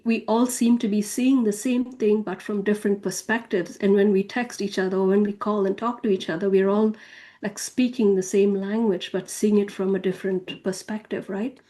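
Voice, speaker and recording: A woman with a mellow, warm voice tells her personal spiritual story. She talks in a loose, conversational way and leans on fillers. Now and then she lifts her voice to act out what others said. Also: mid-range voice. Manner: chatty, loose, full of fillers like "you know" and "if you will"; acts out quoted speech with a raised voice. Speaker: spiritual author and channel guest.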